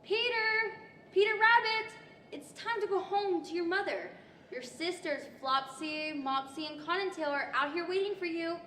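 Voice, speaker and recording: A woman's voice: very high-pitched, animated, moderate pace, sharp tone, exaggerated voice. A young woman playing Alice, a polite, curious, eager storybook girl, in earnest, old-fashioned radio-play style. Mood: urgent, eager. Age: young adult. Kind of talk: 1940s radio-style stage acting. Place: library event room, indoors, live stage. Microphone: stand microphone. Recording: roomy hall with faint noise.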